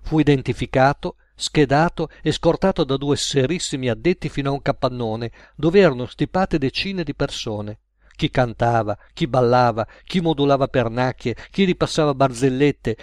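A man narrating a comic tale in a measured, wry storytelling manner. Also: medium pitch, a little mellow, no echo, clean studio sound.

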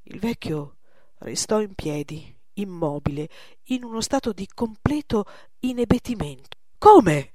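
A woman narrating a story in a measured storytelling manner. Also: medium pitch, animated, warm tone, dry recording, clean studio sound. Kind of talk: scripted narration.

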